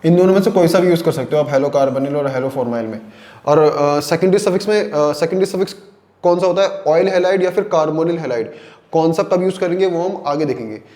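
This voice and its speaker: A man lectures on chemistry in Hindi sprinkled with English terms, speaking briskly in a high-ish, mellow voice with a roomy sound. He asks and answers his own questions and keeps repeating key terms.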